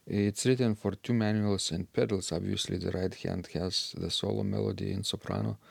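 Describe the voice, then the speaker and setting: A man co-hosting a talk about organ music, speaking slowly and hesitantly with many fillers. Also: fairly low pitch, steady tone, creaky, breathy edge, no room sound. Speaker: podcast co-host discussing organ music. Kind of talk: casual discussion.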